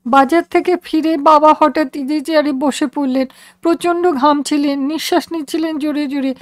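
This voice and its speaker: A woman's voice: high-pitched, steady tone, normal speed, dry recording, lightly acted. Woman doing a distressed grown son. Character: grown son telling of his father's collapse.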